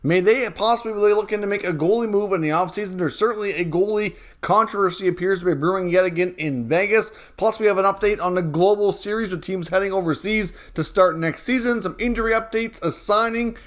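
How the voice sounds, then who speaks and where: A man's voice: sits high, brisk, few pauses. A man hosting a hockey news channel, giving a casual rundown of league news with chatty, rambling asides.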